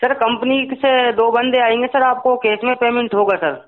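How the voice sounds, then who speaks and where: Heard through a thin, narrowband phone connection, this man talks at a moderate pace in a very high, steady-toned voice. Working as a company agent on a sales call, he is insistent and repetitive.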